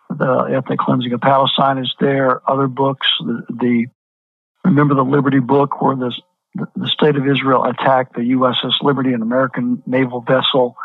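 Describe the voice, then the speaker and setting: The recording is dry and the phone line tinny as a pastor, mid-range in voice, talks as a guest in an interview. He leans hard on his point, repeating words with emphasis.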